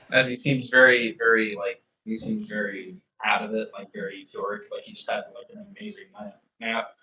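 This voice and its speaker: A man narrating as game master in a halting way, stopping and restarting often. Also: on the low side, expressive, bright, forceful tone, slight background noise. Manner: halting, full of restarts and fillers. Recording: echoey room, mic far off.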